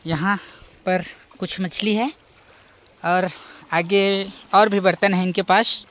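A young man with a fairly high voice narrates outdoors beside a rocky forest stream, filming on a handheld phone. He explains each step patiently, pointing things out to the viewer. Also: fairly even intonation, slow, a bit bright, slight background noise. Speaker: vlogger. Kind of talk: walking vlog narration.

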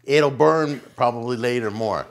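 A man's voice: mid-range voice, a little slow. Middle-aged man hosting casually in a kitchen. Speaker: host and cook of a hot wing challenge. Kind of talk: casual hosting to camera and guests. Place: indoor home kitchen.

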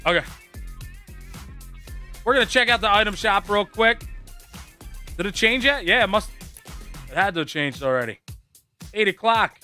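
A man streaming a game live, talking to his chat and friends in excited, hyped-up commentary. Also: high voice, normal speed, pauses often, soft background music.

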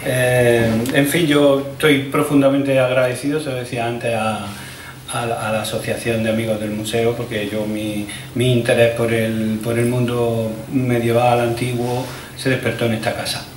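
A man's voice: medium pitch, flat delivery, moderate pace, a little hiss or hum. A man from Córdoba, giving a museum lecture in an informal, emphatic way with asides and restarts. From Córdoba, Spain. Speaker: guest lecturer. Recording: echoey room, voice picked up from a distance.

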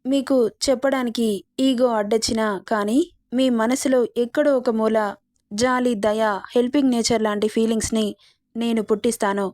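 A woman's voice: a little high, fairly even intonation, normal speed, a little mellow, no room sound, studio quality, lightly acted. A woman voicing a defiant young heroine who pleads earnestly and indignantly with her boss in a romance story.

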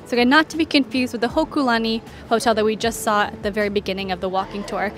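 Narrating a walking tour, a woman who works as a travel guide and vlog host speaks fast in a somewhat high voice with fairly even intonation. She points out one sight after another in an orderly, conversational and informative way while faint music plays behind her.

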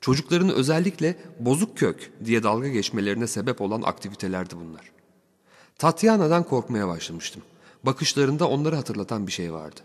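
Male narrator for a first-person audiobook, wry and animated, long hall reverb. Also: medium pitch, fairly quick.

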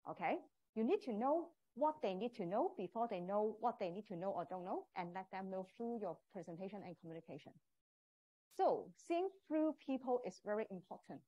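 A woman's voice: mid-range voice, darkish tone, poor audio. Cantonese-accented woman lecturer presenting. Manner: non-native English with small grammar slips. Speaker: professor teaching a communication course. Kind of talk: live presentation to prospective students.

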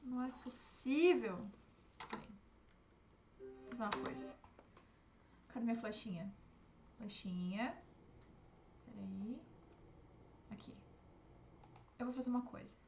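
A young woman, streaming herself playing a game and reacting with excitable, panicky outbursts. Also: fairly high pitch, slow pace, vocal fry, long pauses, soft background music. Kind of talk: live gameplay commentary.

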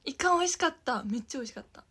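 A young woman with a Kansai Japanese accent chats casually on her idol livestream, her voice high, animated, bright and forceful as she talks in rapid-fire bursts. She giggles a lot, slips into whispers now and then, and thanks her viewers by name.

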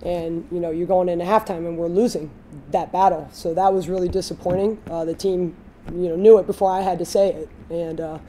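A woman in her thirties, a head coach giving a candid postgame interview, speaking in a measured way with frequent fillers. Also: on the low side, steady tone, warm tone, a little hiss or hum. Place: studio backdrop, indoors.

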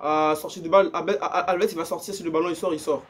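A young man commentating his own football video game match, excitable and slangy, repeating himself and breaking into shouts and laughs. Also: a little high, fast. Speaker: gaming YouTuber. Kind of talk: live gameplay commentary.

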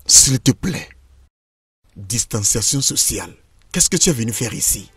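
A man's voice: mid-range voice, big pitch swings, unhurried, fairly bright tone, slightly rough, no room sound, soft background music, heavily acted. A man voicing a cold, dismissive husband in a French film dub, talking curtly and firmly. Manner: curt, firm. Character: cold, dismissive husband rejecting his ex-wife.

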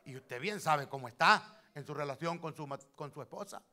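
A male pastor preaches in a church, telling stories and hitting lines with loud sudden emphasis. His voice sits a little high for a man. He speaks straight to the congregation, calling them brother. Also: normal speed. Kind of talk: sermon.

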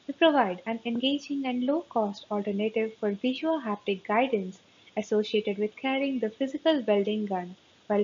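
A woman presenting research in a steady, scripted conference-talk narration, recorded close on a webcam mic. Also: on the high side. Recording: slightly dull, faint hiss.

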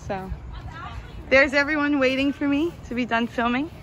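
A woman's voice: sits high, moderate pace, a bit bright, some chatter behind, slight background noise. A young woman leading a school tour for a vlog, upbeat and giving directions. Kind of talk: casual vlog tour guide. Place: school campus, partly outdoors.

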